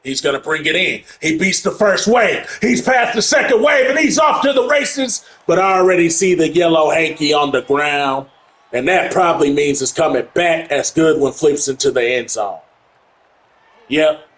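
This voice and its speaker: A man with a slightly high voice and a moderate pace comments casually on his own football video game as he plays. Allergies leave him congested, and big plays make him loud and excited.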